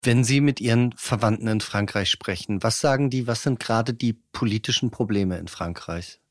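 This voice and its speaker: A man's voice: lowish voice, moderate pace, dry recording, clean studio sound. A man from Franconia in Bavaria interviewing a guest, asking long, winding questions with repeated words. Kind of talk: political interview.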